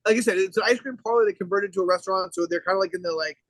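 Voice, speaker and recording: A young man with a notably high voice, talking brashly and swearing at every turn as he rambles through a casual podcast chat. The sound is dry and close, with little room around it. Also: rapid-fire, fairly bright tone, dry recording, rough recording. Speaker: podcast co-host. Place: outdoors.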